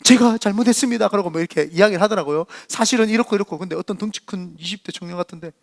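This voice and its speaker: A middle-aged man from Korea, a senior pastor preaching a sermon, who tells stories animatedly and acts out quoted voices, dropping to quiet asides and rising to shouts. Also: high-pitched, very fast.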